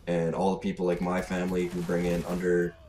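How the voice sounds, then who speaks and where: This young man, a 17-year-old gaming commentator from Alberta with a Canadian accent, sits low in pitch and delivers his off-the-cuff rant completely flat and a little fast. The tone is blunt, fed-up and sweary, in a clearly noisy home recording.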